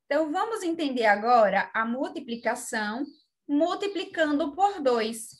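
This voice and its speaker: A Brazilian woman teaching young children in a remote lesson, explaining calmly step by step. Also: high-pitched, moderate pace. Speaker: primary school teacher.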